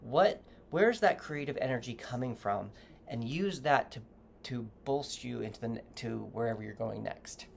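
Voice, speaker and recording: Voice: mid-range voice, animated, moderate pace, gravelly, slight background noise. A tarot reader giving a casual reading to camera, loose and rambling, often correcting themself while advising the viewer directly. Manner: gently advising, speaking straight to the viewer.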